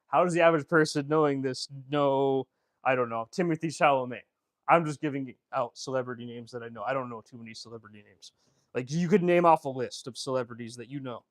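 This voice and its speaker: A man's voice: mid-range voice, quick pace, no echo. A man chatting casually on a livestream, rambling with many fillers and answering viewer comments. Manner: rambling, lots of fillers and restarts. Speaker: fashion designer streamer.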